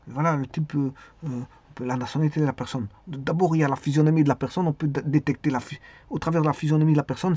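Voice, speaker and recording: A man giving a spoken lesson on speaking skills, hesitant, with many pauses and repeated words. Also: on the high side, dark tone, husky, no echo. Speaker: teacher. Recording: dull lo-fi sound.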